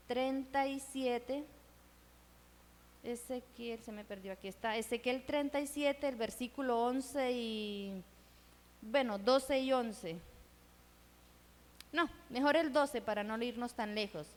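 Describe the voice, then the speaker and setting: A middle-aged woman and missionary giving an earnest testimony sermon in a church hall, asking her listeners rhetorical questions. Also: high-pitched. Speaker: missionary speaker at a church event. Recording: reverberant hall.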